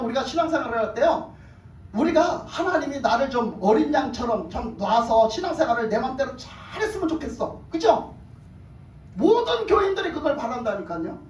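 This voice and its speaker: Guy from korea preaching, really high voice, chatty and fired up, sounds far off the mic. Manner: lively, colloquial storytelling that flares into excitement. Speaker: pastor. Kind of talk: sermon with personal storytelling. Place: church sanctuary. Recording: roomy church hall, far from the mic, faint background noise.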